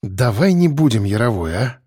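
A man's voice: medium pitch, very animated, normal speed, warm tone, husky, dry recording, studio quality. A man voicing an evasive middle-aged officer who covers awkwardness with forced friendliness.

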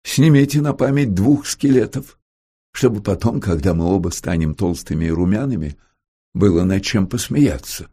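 A man's voice: low voice, lively intonation, normal speed, breathy edge. A man voicing a young woman who cares for her sick brother and keeps a cheerful tone. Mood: brave cheer. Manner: gently cheerful. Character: young woman, devoted sister holding back tears.

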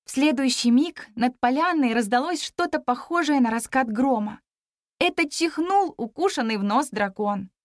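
A woman narrating a children's storybook in the first person, expressive and clear. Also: high-pitched, moderate pace, no room sound, studio quality. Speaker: audiobook narrator.

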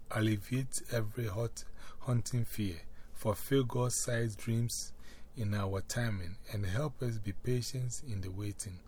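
A man leading prayers, reading them aloud in a measured, solemn way with pauses. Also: lowish voice, a little mellow, slight background noise. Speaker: prayer leader.

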